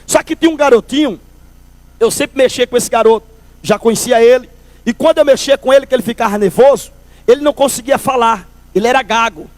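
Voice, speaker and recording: A man with a strikingly high voice gives a preached testimony before a congregation. He tells his story in a lively way and keeps calling the listeners "brother". The sound is close and dry, with no room echo. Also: fairly quick. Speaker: church testimony speaker.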